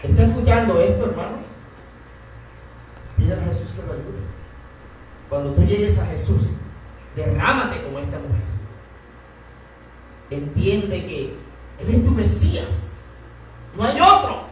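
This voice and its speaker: A man's voice: sits high, animated, a little slow, long pauses, slight background noise. A man preaching a passionate sermon, often stopping to ask the congregation whether they are listening. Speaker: pastor. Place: church hall. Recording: very echoey hall, mic far off.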